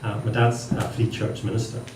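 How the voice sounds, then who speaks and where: A man's voice: medium pitch, flat delivery, fairly quick. A man from the Western Isles of Scotland with a Hebridean accent, performing a live stand-up comedy monologue in a dry, wry storytelling manner. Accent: Hebridean Scottish. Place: live comedy venue with audience. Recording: echoey room, distant mic, faint noise.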